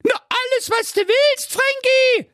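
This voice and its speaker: A man voicing a spoiled, rude young princess in a squeaky falsetto, for a comic fairy-tale parody reading. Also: slow pace, bright, forceful tone, no echo, studio quality, full character voice. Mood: snippy. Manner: shrill squeaky falsetto, snippy and scornful.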